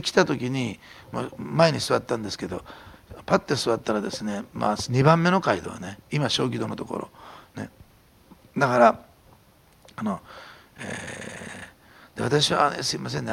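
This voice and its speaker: A man preaching a sermon as a pastor, telling stories in an animated way and sometimes dropping to a whisper. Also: mid-range voice, normal speed, vocal fry, husky. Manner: animated storytelling, drops to a whisper at times.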